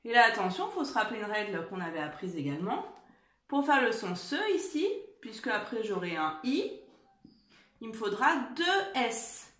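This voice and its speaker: A woman teacher giving a dictation lesson to young children, spelling out words and letters slowly and carefully. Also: a little high, big pitch swings, fairly bright tone, echoey room. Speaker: primary school teacher.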